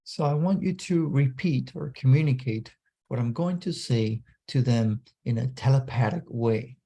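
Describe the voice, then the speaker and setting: Slow, gravelly man leading guided meditation. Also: medium pitch, warm tone. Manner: deliberate, short phrases with pauses for an interpreter. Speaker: spiritual seminar leader.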